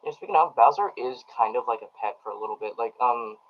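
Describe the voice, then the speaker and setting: A man's voice: medium pitch, lively intonation, fast. A man giving a casual, rambling movie review to his live chat, full of ums and restarts. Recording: dull lo-fi audio.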